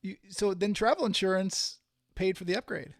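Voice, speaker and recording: A man's voice: high-pitched, moderate pace, no echo, clean studio sound. A man hosting a casual interview, asking playful, stumbling questions. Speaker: host.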